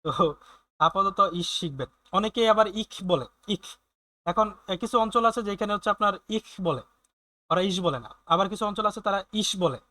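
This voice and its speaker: A man teaching German in an online class, explaining slowly with many fillers and often checking in with his students. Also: sits high, bright, forceful tone, no room sound.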